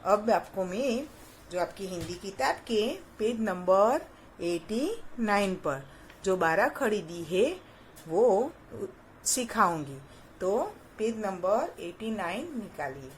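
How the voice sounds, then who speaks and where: A woman teacher speaks at a very slow, careful pace to young children, sounding out each syllable clearly and asking them questions as she goes. Her pitch sits in an ordinary middle range. A faint hiss runs under the recording. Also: lively intonation. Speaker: primary school teacher. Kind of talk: slow, patient Hindi phonics lesson for young children.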